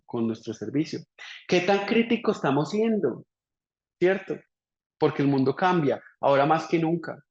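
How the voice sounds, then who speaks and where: A man's voice: a little high, darkish tone. Man lecturing with rhetorical questions. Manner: asks rhetorical questions, tags "right?". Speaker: business lecturer. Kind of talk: lecture to entrepreneurs. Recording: dull lo-fi recording.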